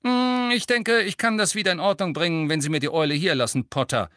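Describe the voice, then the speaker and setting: A man voicing a gruff, brisk older witch teacher who smokes a pipe, in an audiobook. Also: sits high, bright, forceful tone, dry recording, studio quality, voice pushed up.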